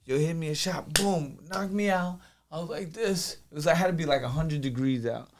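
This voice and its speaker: New guy on a podcast telling old stories, doing his dad's voice, all animated. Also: a little high, normal speed, noisy background. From Brooklyn, New York. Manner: animated, acts out his father's voice. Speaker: podcast guest. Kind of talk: casual storytelling.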